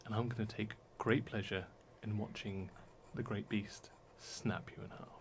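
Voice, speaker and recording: A man voicing a threatening sea-born pirate woman, sneering in a low, threatening tone as she promises harm. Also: steady tone, normal speed, whispered, close to an everyday voice. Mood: menacing.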